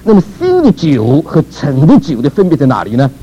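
A man's voice: fairly high pitch, wildly swooping pitch, a little fast, warm tone, lo-fi sound, a little hiss or hum. A man preaching a sermon in a conversational way, asking rhetorical questions, chuckling and repeating words.

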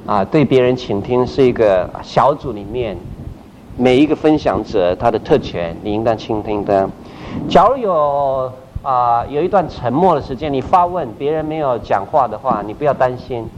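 A middle-aged man, a pastor, giving a lively church training talk and playfully acting out examples. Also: medium pitch, moderate pace. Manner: animated, playfully acts out examples. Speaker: pastor teaching group leaders. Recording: dull recording with loud background noise.

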